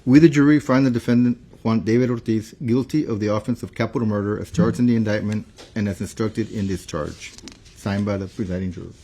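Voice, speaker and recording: A man serving as a judge in a courtroom recording, reading a verdict and running proceedings with halting speech full of fillers. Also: fairly low pitch, mellow, slight background noise. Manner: halting, many fillers and restarts. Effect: courtroom recording played back.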